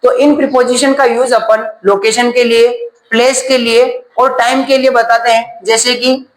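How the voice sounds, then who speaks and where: A man's voice: very high voice, flat delivery, moderate pace, roomy sound, poor audio. A man teaching a grammar class, asking questions and then answering them himself.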